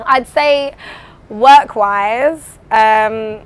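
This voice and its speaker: A woman's voice: a little high, very slow, clear, resonant tone. A woman with a South London accent chatting casually as an interview guest, with an informal, slangy, joking way of talking. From South London, England, with part of childhood in Brooklyn.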